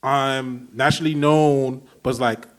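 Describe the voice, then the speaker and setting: Steady in tone, medium in pitch, and a little slow, this Brooklyn-born podcast host keeps his casual interview chat friendly and relaxed. He's talkative and enthusiastic, asking questions that run long and wander.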